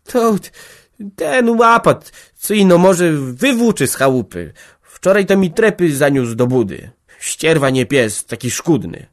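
Man putting on a shrill frightened peasant girl. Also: sing-song, a little slow. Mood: frightened, whining. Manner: whiny, pleading, high-pitched. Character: frightened young peasant woman making excuses. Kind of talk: audiobook character voice.

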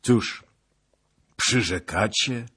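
A man reading an audiobook voices a fierce male Cossack chieftain with a husky, threatening, commanding voice. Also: on the low side, drawn-out words, pushed and bright, voice pushed up, heavily acted. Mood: menacing.

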